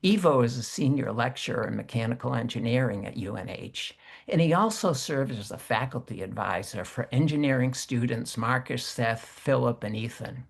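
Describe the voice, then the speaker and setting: Gravelly-voiced male interview host. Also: mid-range voice. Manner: formal, measured welcoming delivery. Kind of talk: interview over video call. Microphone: video call.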